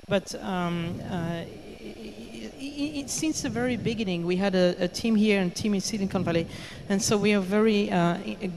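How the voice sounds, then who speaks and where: A man's voice: high-pitched, a little mellow, poor audio. A company chief speaking on a conference panel, a man with stammering restarts. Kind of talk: panel discussion. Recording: clear background noise.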